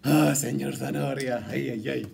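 A man's voice: medium pitch, steady tone, a little slow, gravelly, noisy background. A man teaching young children to read syllables in a playful, theatrical way. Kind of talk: children's reading lesson.

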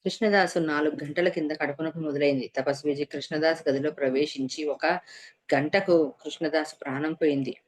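A woman narrating a devotional story in a steady, measured reading voice. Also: sits low. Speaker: reader of a devotional serial. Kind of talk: scripted narration.

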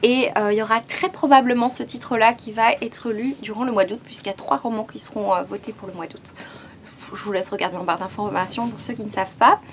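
Chatty woman, slightly high voice. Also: fairly even intonation, fast talker, hardly any pauses, a little hiss or hum. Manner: chatty and hesitant, with frequent fillers. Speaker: book vlogger. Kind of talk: casual book haul chat.

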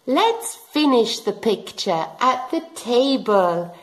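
A woman in her thirties teaching young children in simple repeated phrases, with an animated, sing-song delivery. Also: fairly high pitch, slow, poor audio. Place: small room indoors.

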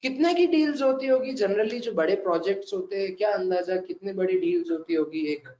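A man's voice: high voice, sing-song, a little fast, dark tone. A man with an Indian accent teaching an interactive classroom lecture, mixing Hindi and English, joking and quizzing students by name. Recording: echoey room, dull conference recording.

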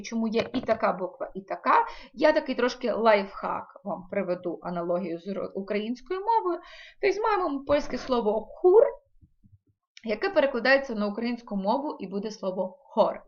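Female language teacher, fairly high voice, patient and explanatory, dull lo-fi sound. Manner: slow, careful word-by-word reading with pauses.

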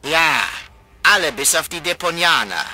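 A cold, threatening official. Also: male voice, on the high side, animated, normal speed, pushed and bright, no room sound, full character voice. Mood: menacing. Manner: curt, threatening. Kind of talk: adventure game dialogue.

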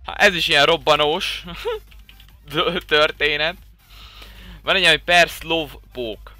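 A young man giving casual, excitable commentary while playing a game, breaking into loud swearing exclamations. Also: on the high side, dry recording, soft background music. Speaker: Minecraft server streamer.

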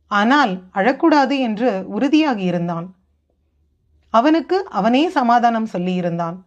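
Woman narrating a novel, lo-fi. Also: on the high side. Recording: dull lo-fi recording.

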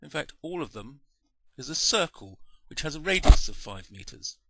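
A man explaining a maths lesson in a patient, measured way, correcting himself now and then. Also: on the high side, big pitch swings, gravelly, no room sound. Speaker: maths teacher.

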